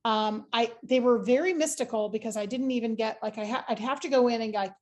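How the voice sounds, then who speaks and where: A woman's voice: fairly high pitch, fairly quick, a little mellow. Rambling woman psychic giving a reading. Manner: rambling, full of "like" and restarts. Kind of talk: casual chat.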